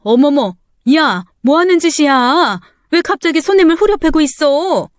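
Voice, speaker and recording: A startled middle-aged woman who runs a small eatery, played by a woman, reacts in disbelief. Her voice is high and recorded dry. She presses with quick questions. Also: animated, dry recording. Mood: shocked. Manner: shocked, questioning.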